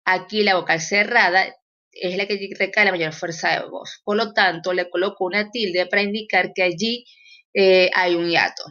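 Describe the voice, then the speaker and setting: A woman's voice: on the low side, steady tone, normal speed, bright, forceful tone, dull audio. A woman teacher explaining grammar in a recorded lesson, with fillers and self-corrections.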